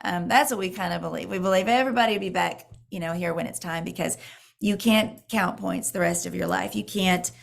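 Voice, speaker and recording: A middle-aged woman with a hoarse voice, chatting casually and haltingly as she hosts a Q&A, often restarting her sentences. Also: mid-range voice. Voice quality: hoarse, creaky. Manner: rambling, halting, self-correcting. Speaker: diet program mentor and host. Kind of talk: casual live Q&A chat.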